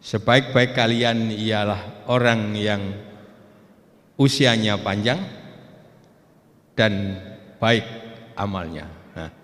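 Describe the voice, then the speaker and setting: A man aged 68 giving a religious lecture, slow and measured, punctuating his points with short "ya" and "nah". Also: fairly low pitch, fairly bright tone. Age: 60s. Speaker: Islamic scholar. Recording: long reverb of a hall.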